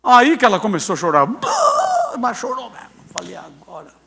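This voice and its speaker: His voice sits high and creaky, and he talks fast. He is a pastor in his sixties, animatedly telling a story during a sermon and playing out the voices of its characters.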